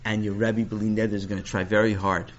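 A man voicing a calm, wise school principal rabbi who reassures a pupil. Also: on the low side, brisk, lightly acted. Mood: reassuring. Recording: dull lo-fi recording.

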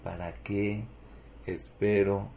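A man's voice: lowish voice, little pitch movement, takes it slowly, creaky, warm tone. A man giving a Torah lecture in Spanish, posing rhetorical questions and leaning hard on emotional emphasis. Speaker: Torah teacher.

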